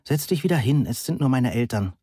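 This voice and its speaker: A man's voice: medium pitch, expressive, fairly quick, mellow, husky, dry recording, studio quality. A man voicing a blunt, teasing young woman in an audiobook, raising his voice for her. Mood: brusque. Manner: brusque, teasing. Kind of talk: audiobook dialogue.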